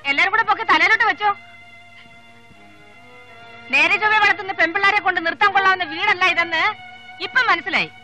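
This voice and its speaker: Brief: a high-pitched, harsh middle-aged aunt, scolding and cutting. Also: female voice, quick pace, pauses often, over music. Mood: furious. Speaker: scolding elder woman of the household. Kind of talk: 1990s film dialogue.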